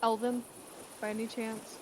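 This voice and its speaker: A woman playing a tabletop game in character, soft and a little hesitant. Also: a little high, level tone, measured pace, a little hiss or hum, low-quality recording. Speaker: player.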